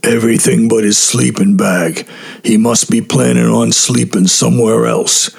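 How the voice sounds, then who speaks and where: A blunt young camper with a gravelly, husky voice, who talks in relaxed slang, as a narrator puts him on. His voice sits a little lower than plain talk. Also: moderate pace. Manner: blunt, laid-back slang. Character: young man, blunt teen camper, gruff.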